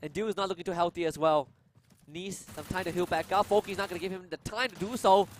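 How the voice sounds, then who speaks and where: A man's voice: high voice, fast talker, slight background noise. A man co-casting an esports match, explaining and reacting to the plays in live analysis.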